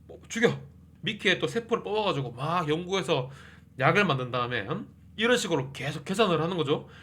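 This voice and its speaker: Animated man retelling a movie. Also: fairly high pitch. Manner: constant "eh?" and "hm?" interjections; acts out characters' lines. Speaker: movie recap YouTuber. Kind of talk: casual comic movie retelling.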